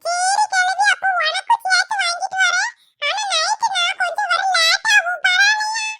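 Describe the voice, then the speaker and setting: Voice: extremely high pitch, steady tone, moderate pace, bright, forceful tone, soft background music, heavily acted. Voice actor doing a cheeky young cartoon kid. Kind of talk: cartoon voice acting.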